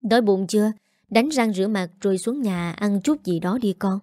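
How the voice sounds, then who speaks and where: A woman reading the lines of a gentle middle-aged father who speaks softly to calm his daughter. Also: mid-range voice, normal speed, dry recording, clean studio sound, lightly acted. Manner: soft, soothing.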